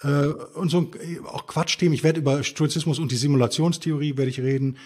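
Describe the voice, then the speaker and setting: A man's voice: on the high side, steady tone, fast talker, darkish tone, breathy edge. A man, a guest author, explaining ideas in an emphatic, conversational interview style with rhetorical questions. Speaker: podcast guest, stoicism author.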